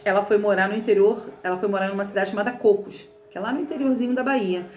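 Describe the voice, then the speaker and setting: Here the Carioca-accented teacher has a medium, darkish voice and a quick pace, recorded in an echoey room with a bit of hiss or hum. Reading from a textbook for a remote class, she explains chattily and keeps checking in with "né" and "tá bom."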